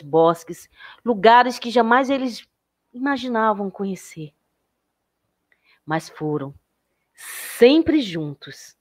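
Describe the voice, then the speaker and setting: Slow, gentle woman telling a children's story. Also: on the low side. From Brazil. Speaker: educator and storyteller.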